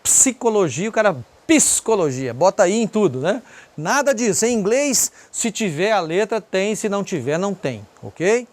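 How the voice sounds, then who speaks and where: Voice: medium pitch, sing-song. Brazilian English teacher explaining pronunciation. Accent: Brazilian Portuguese. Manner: explanatory, repeats example words slowly, points to written examples. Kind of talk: pronunciation lesson.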